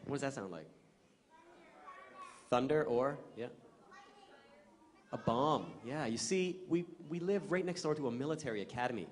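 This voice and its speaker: A man's voice: mid-range voice, animated, normal speed, pauses often. A man, a singer-songwriter, chatting and joking with a live audience between songs, drawing in the children in the crowd. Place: performance hall with an audience. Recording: long hall reverb with guitar music. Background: guitar.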